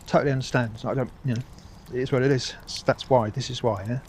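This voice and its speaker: A man talks his way through a loose vlog monologue while walking a dog outdoors, rambling and often restarting his sentences. He swears freely and sounds a little worn down by the heat. His voice sits at an ordinary middle pitch, with faint outdoor ambience behind him. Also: fairly even intonation, quick pace, slight background noise. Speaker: vlogger. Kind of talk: casual spoken monologue.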